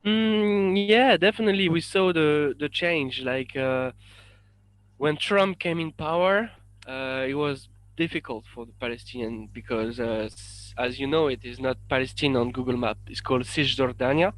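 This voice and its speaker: A man from France with a French accent, a guest on a podcast interview, talking in a halting way full of fillers and restarts. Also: mid-range voice, fairly bright tone, rough recording. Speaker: guest, independent researcher.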